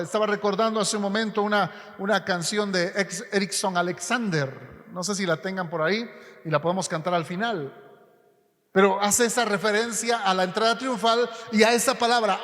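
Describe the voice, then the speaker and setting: A man preaching a sermon as pastor, teaching earnestly with frequent restarts and slowly stretched words. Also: sits high, fairly bright tone. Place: church hall. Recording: long reverb of a hall.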